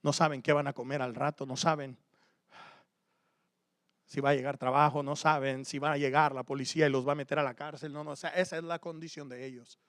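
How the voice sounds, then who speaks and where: Bright-voiced preacher. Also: male voice, a little high, little pitch movement, a little fast, no echo, clean studio sound. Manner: swings from loud emphatic preaching to quiet asides. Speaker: pastor. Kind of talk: sermon.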